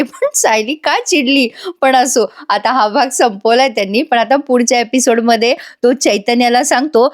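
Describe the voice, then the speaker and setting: A woman giving a casual voice-over review of a TV serial, chatting to viewers and often breaking into giggles. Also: on the high side. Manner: giggly, keeps breaking into laughter; chatty, addresses viewers directly.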